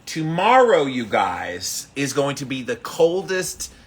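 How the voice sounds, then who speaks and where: A man's voice: medium pitch, big pitch swings, slow, husky. A man hosting a casual livestream, upbeat, repeating himself as he greets viewers by name and reads out their comments. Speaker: livestream host of a daily ice bath challenge.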